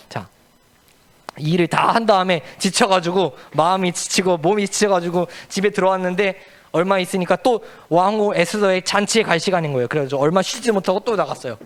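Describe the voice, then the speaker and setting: A man telling a Bible story at a children's church service, quizzing the kids with questions. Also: high voice. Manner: asks the children questions, lively and playful.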